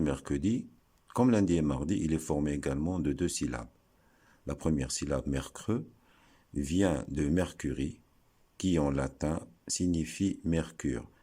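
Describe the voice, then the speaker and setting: A man giving a slow, deliberate lesson, breaking words into syllables and pausing often. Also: rumbling low, warm tone, breathy edge. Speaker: teacher explaining word origins.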